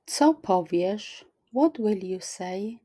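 Very slow, careful woman teaching phrases. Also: mid-range voice, animated, warm tone. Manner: slow, careful, clearly articulated repetition. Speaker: Polish language teacher. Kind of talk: extra slow language lesson, repeating phrases.

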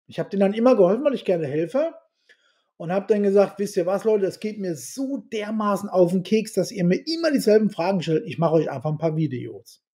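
A man's voice: sits high, a little fast. A middle-aged man telling stories as a podcast guest, bluntly and with salty language, acting out the dialogue he quotes. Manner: animated storyteller who acts out quoted dialogue; blunt and salty, swears casually. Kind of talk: casual storytelling interview.

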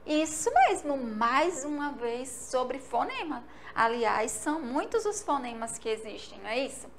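A Brazilian woman teacher with a Sergipe accent, giving a remote lesson to young children and drilling syllables in a slow, sing-song way from a school studio. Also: high voice, sing-song, noisy background. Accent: Brazilian Portuguese, Sergipe.

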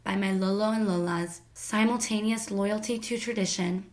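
Twenty-something american woman reading her family story, slow and careful, mid pitch. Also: fairly even intonation. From United States. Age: 20s. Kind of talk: scripted personal narration.

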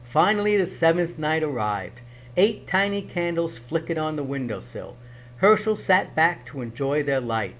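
A man reading a children's picture book aloud in an expressive, dramatic way. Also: fairly high pitch, normal speed, rough recording. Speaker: storyteller.

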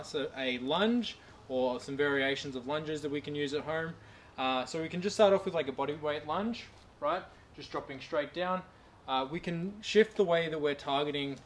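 The recording carries a little hiss or hum around a young man's high-leaning voice. He is an Australian personal trainer, demonstrating exercises you can do at home in a garden and addressing a far-off camera, relaxed as he coaches through his reps.

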